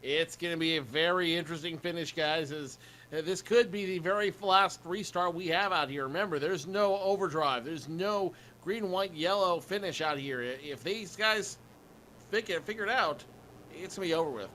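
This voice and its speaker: A man's voice: fairly high pitch, sharp tone, slight background noise, poor audio. A man giving race analysis during a sim race broadcast, often stumbling and restarting his sentences. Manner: halting, stumbling over words. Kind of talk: sim racing commentary.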